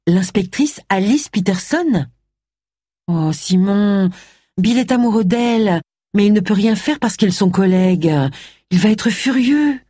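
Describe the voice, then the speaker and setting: A woman's voice: medium pitch, animated, unhurried, dark tone, dry recording, studio quality, voice pushed up. A woman voicing a cautious, worried young woman in an audiobook. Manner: worried, pleading.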